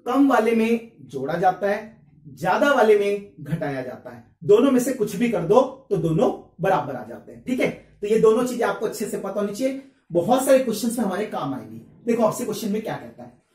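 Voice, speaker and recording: A man's voice: high voice, sing-song, a little fast, darkish tone. A man teaching a maths lesson, chatty, putting questions to the students and answering them himself. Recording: roomy echo, mic at a distance.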